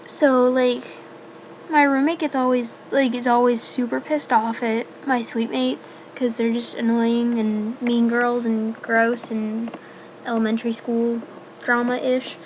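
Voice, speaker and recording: A woman's voice: on the high side, level tone, slow pace. A young woman with a slightly raised voice talks to her viewers in a loose, rambling vlog chat. Her sentences keep circling back through "like" and "um" as she tells her stories. There is a faint hiss under her voice. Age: young adult. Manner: rambling, full of "like" and "um". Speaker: student vlogger. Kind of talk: casual chat to camera.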